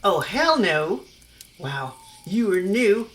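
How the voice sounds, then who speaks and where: A woman's voice: medium pitch, big pitch swings, slow pace, pitched above the performer's own voice. A woman voicing Stephanie, a blunt and chatty teenage girl among werewolf kin, with a brash, outspoken manner. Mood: indignant.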